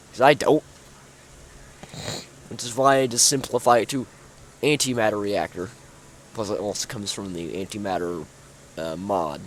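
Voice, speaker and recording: A man's voice: lowish voice, a bit bright. A young man giving casual, rambling commentary while touring his own build in a video game, full of fillers and restarts, sounding sleepy. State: sleepy, yawning. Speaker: gaming YouTuber. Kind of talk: casual gameplay walkthrough commentary.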